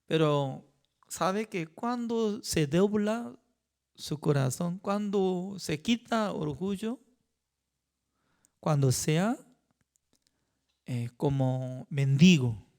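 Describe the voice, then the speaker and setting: A male pastor leading a Bible study, talking in a halting way with non-native phrasing and frequent rhetorical asides. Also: fairly high pitch, lively intonation, darkish tone.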